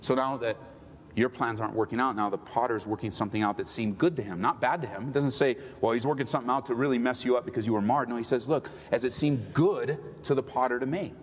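A middle-aged male pastor preaching a sermon, swinging between loud pleading and quiet tender talk. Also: medium pitch, quick pace, long reverb tail.

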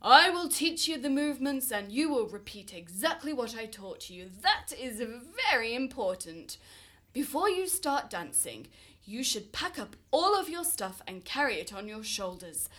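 A woman voicing a calm male sage who gives firm, slow instructions. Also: a little high.

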